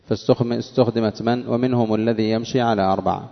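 A man teaching classical Arabic grammar slowly and deliberately. He asks questions and answers them himself, and he chants the verses he quotes. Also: medium pitch, steady tone, creaky, in a large hall, muffled recording.

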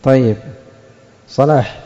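Male grammar teacher, mellow voice, quizzes the class, dull echoey room sound. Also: medium pitch. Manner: questioning students, repeating examples slowly.

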